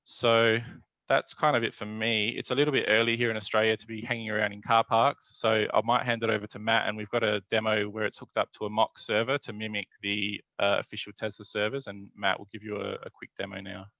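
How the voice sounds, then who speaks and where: A man presenting his hackathon team's project over a video call, relaxed and dotted with filler words. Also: fairly low pitch, brisk, dry recording. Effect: voice heard over a video call. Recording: dull video call audio.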